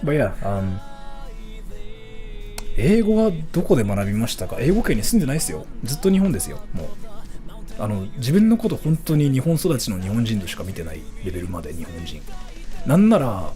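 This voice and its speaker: A man's voice: mid-range voice, very animated, very fast, dark tone, faint music behind. A man from Japan livestreaming, chatting loosely and answering viewer questions, going back and forth between English and Japanese.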